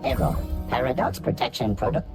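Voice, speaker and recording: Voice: medium pitch, sing-song, music in the background. Glitching security computer. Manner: halting, cut-off words, repeats error. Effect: glitching, stuttering machine voice. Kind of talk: video game voice acting.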